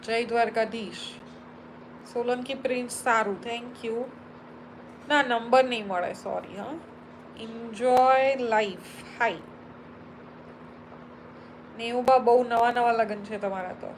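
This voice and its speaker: A woman's voice: a little high, fairly even intonation, takes it slowly, pauses often, a little hiss or hum, low-quality recording. A Gujarati woman hosting a live stream, chatting casually as she reads viewer comments aloud and answers them one by one. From Gujarat, India.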